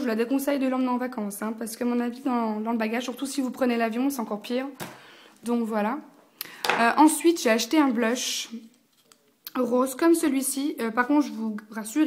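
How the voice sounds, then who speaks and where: A woman's voice: a little high, a little mellow. A young woman, chatting casually through a makeup review, full of fillers and slang. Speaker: beauty vlogger.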